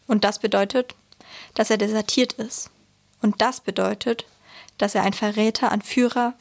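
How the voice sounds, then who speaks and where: Woman reading a memoir aloud, measured and earnest, slightly gravelly, somewhat high voice. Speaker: reader.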